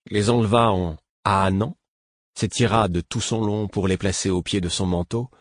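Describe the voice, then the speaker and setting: Low, husky male storyteller. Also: no echo, studio quality. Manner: calm, measured storytelling. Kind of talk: audiobook narration.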